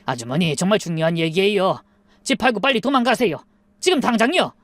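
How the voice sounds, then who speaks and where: A woman's voice: mid-range voice, expressive, a little fast, dry recording, natural voice. Urgent older guard, grave warning tone, dry close sound, read by a woman. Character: elderly male apartment security guard, urgent.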